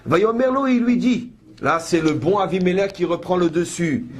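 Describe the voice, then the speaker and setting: A woman's voice: fairly low pitch, moderate pace. A woman giving a Torah study lesson. She reads Hebrew verses aloud and then explains them with pointed, ironic asides. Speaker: Bible teacher.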